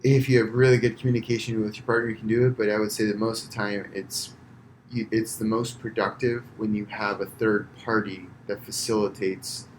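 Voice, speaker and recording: A man speaking as a podcast guest, explaining in a calm, measured way with some fillers. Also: fairly low pitch, a little hiss or hum. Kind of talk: casual conversation.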